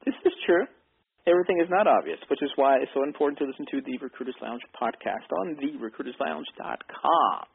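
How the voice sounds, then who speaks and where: A man hosting a podcast in casual chat, speaking haltingly and repeating himself. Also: fairly high pitch, lively intonation, creaky, breathy edge. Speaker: podcast host. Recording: tinny, phone-like band-limited sound.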